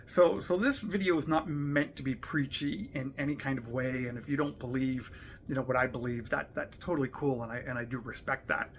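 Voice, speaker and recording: A man's voice: medium pitch, fairly quick, a little hiss or hum. A man talking in an earnest, conversational vlog, reading verses aloud with emphasis and often asking "right?". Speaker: leader sharing personal reflections. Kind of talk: casual reflective vlog talk with scripture reading.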